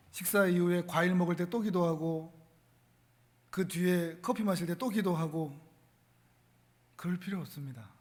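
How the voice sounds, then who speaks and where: Male pastor, sermon, high voice, swells to forceful peaks; church hall reverb. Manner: builds from soft asides to loud, forceful emphasis.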